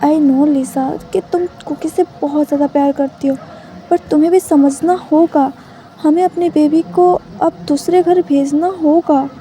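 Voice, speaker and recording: Gentle, soothing dad, read by a woman, storybook, high mellow voice. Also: fairly even intonation, measured pace, a little hiss or hum. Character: calm, reassuring husband and father.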